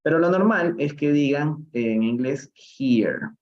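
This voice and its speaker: Man, peruvian accent, english teacher, slow deliberate delivery, dull lo-fi livestream sound. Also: a little high, expressive, darkish tone. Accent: Peruvian Spanish. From Peru. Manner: explains slowly, switching between English and Spanish, often asking "¿no?". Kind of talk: live-streamed reading lesson.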